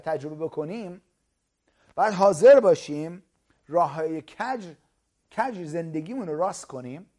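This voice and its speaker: A man preaching a sermon as pastor, loud and emphatic, stretching key words slowly for stress. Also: sits high. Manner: loud, emphatic preaching with rising calls of hallelujah.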